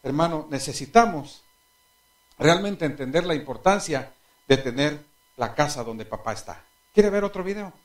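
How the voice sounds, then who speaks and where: A pastor with a slightly high voice preaches at a moderate pace. He shares anecdotes in an animated way, laughing along with them, and turns to the congregation with direct questions.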